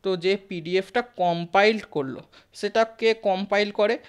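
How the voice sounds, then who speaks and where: In a smooth, clear voice at ordinary middle pitch and moderate pace, a teacher delivers a live class lecture. The style is conversational, with frequent check-ins, questions to the class and English technical terms sprinkled throughout.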